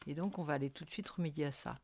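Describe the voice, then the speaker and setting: A woman's voice: low-pitched, very fast, vocal fry, a little mellow. A woman hosting a casual tarot card reading for viewers, speaking hesitantly as she searches for her words. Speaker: tarot reader and channel host.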